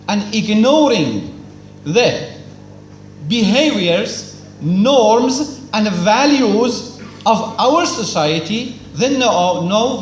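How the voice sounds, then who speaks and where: A high-pitched man speaks formally at a cultural celebration, lecturing with emphasis in simple non-native English. He keeps asking questions and answering them himself, with emphatic repetition, and the hall recording is echoey with faint noise.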